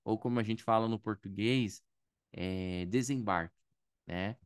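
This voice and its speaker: A man's voice: fairly low pitch, a little slow, smooth, no echo, clean studio sound. A man from Brazil teaching airport vocabulary in a casual online lesson, explaining patiently, checking in with his students often and thinking aloud. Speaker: English teacher.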